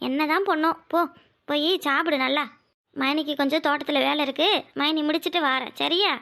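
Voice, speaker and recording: A fussing elder sister-in-law in a cartoon, voiced by a woman, very high, bright and fast. She scolds and coaxes all in the same brisk, bossy breath. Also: fairly even intonation. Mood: coaxing. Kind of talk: cartoon voice acting.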